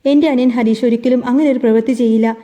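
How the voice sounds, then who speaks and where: A woman's voice: fairly high pitch, fairly even intonation, fast, mellow, long reverb tail, dull audio, natural voice. A woman voicing a polite young man, an elder brother, who speaks in a trembling voice. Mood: shaken.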